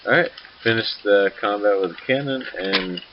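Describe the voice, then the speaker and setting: Sleepy guy with a low voice rambling through a game recap, dull lo-fi sound w faint hiss. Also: moderate pace. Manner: rambling, loose, self-correcting. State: sleepy, yawning. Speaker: tabletop wargame player. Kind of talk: casual battle report narration.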